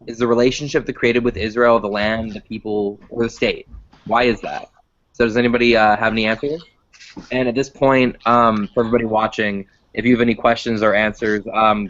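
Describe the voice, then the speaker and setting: A man's voice: medium pitch, fairly bright tone. Teen boy host, online call, muffled lo-fi audio, reads prompts with ums. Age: teens. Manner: reading prompts with fillers. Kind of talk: hosting an online video call.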